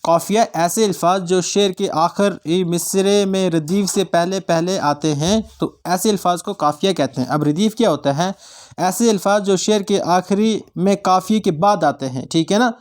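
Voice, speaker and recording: A man's voice: sits high, moderate pace. A man teaching an exam-prep grammar lesson, often asking students check questions and repeating definitions for them to memorize. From Jammu and Kashmir. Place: online class channel.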